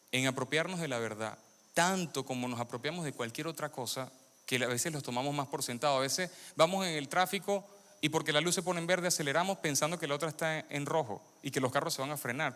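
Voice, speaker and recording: A man's voice: a little high, fairly bright tone. A man born in Venezuela giving a sermon testimony to a congregation, questioning the audience and repeating phrases for emphasis. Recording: long hall reverb.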